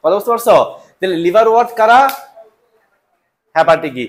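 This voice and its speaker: A young male biology teacher lectures to a room of students. His voice sits notably high. He drills each term over and over and keeps asking whether the class understands. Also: lively intonation, fairly quick. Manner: repeats terms and keeps checking understanding.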